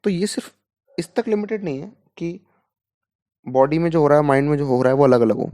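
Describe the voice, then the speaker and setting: A man's voice: a little high, animated, fairly quick, dark tone, no room sound, studio quality. A man coaching students in a talk, asking rhetorical questions and mixing in English words. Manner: explains with rhetorical questions, Hindi mixed with English terms. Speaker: mentor to exam students.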